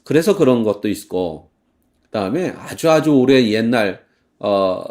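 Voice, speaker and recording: In church, a male pastor with a lowish voice preaches animatedly, playing out heated complaints. Every so often he sings a hymn, slowly.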